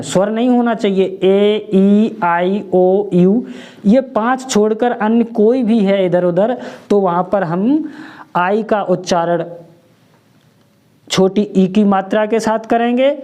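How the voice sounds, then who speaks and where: A woman's voice: mid-range voice, dark tone. A woman teacher giving a pronunciation lesson, spelling words letter by letter and asking and answering her own questions.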